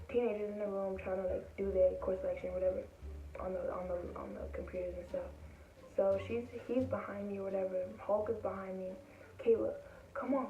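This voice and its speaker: A woman's voice: mid-range voice, slight background noise. Teen girl, casual storytime, rambling filler-heavy delivery, acts out quotes; thin phone-like sound, echoey room, mic at a distance. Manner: acts out quoted people in her voice. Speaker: vlogger telling a story. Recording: tinny, roomy, distant from mic.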